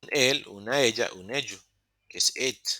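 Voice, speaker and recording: A man teaching an online beginner English class in Spanish, explaining slowly, checking in with "ok?" and often correcting himself mid-sentence. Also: mid-range voice, bright, forceful tone, no room sound. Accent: Latin American Spanish. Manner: patient, explaining step by step with frequent "ok?" checks; self-correcting, restarts mid-word. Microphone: computer mic in a virtual session.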